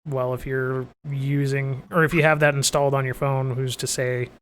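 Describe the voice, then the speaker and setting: A man's voice: medium pitch, little pitch movement, normal speed, fairly bright tone, slight background noise. A man co-hosting a podcast in casual chat, laid-back, laughing easily and trailing off. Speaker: podcast co-host.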